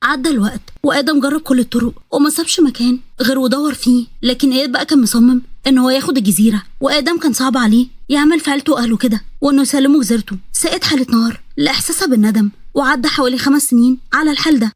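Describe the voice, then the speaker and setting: A woman with an Egyptian accent narrating a fairy-tale story in a brisk, plain manner. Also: high-pitched, dry recording. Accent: Egyptian Arabic.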